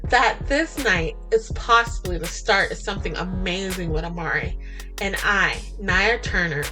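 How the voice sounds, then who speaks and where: With a voice on the low side, she tells a romance story in the first person for her podcast, her delivery dramatic, flirtatious and full of expression.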